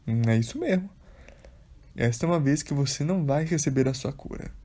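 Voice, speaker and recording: The devil taunts in a devotional audiobook, as a man reads his lines. The voice is dark, husky and plain, barely set apart from the narration. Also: on the high side, expressive, brisk. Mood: taunting. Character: taunting devil, male spirit, menacing and sneering.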